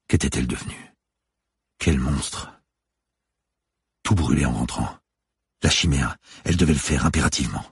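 Brief: very low, gravelly male reader with a husky edge, dry close mic, somber thriller narration. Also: no echo. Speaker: audiobook narrator.

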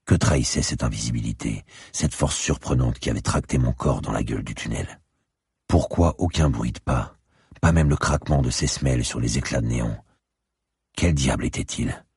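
A man reading a crime novel aloud in a measured, literary way. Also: a bass voice, darkish tone, breathy edge, no echo, studio quality. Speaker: audiobook narrator. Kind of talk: scripted narration of a crime novel.

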